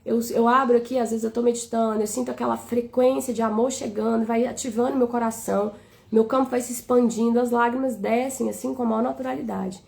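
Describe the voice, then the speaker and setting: A woman's voice: fairly high pitch, steady tone, fairly quick, gravelly, darkish tone. A woman with a Brazilian Portuguese accent giving a tender, flowing spiritual talk on a live stream, often asking "né?".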